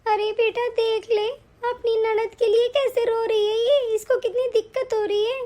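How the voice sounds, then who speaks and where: A woman's voice: very high-pitched, level tone, normal speed, mellow. Woman voicing a whining older mother-in-law. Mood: self-pitying. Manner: complaining, reproachful. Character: bitter older mother-in-law, self-pitying. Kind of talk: animated story voice acting.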